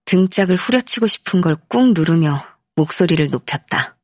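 A woman narrating a first-person literary audiobook in a measured, expressive way, in a studio. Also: lowish voice, dry recording. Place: recording studio. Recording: dry studio.

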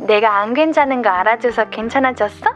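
A woman voicing a caring young female friend in a scripted radio skit, speaking gently and reassuringly. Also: a little high, brisk, soft background music, close to an everyday voice. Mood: gentle consoling.

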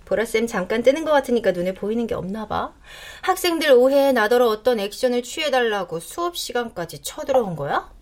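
Lively, high voice: a woman as a prickly, defensive young rival teacher in an audio drama. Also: fairly quick, natural voice. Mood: snappish. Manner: curt, snappish, defensive. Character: cold, touchy young female rival lecturer.

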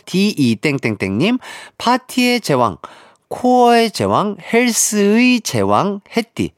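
A man's voice: high-pitched, wildly swooping pitch, slow pace, dry recording, clean studio sound. A man hosting a radio quiz, joking playfully as he reads out listener messages. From Jeolla, South Korea. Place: radio studio. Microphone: studio microphone.

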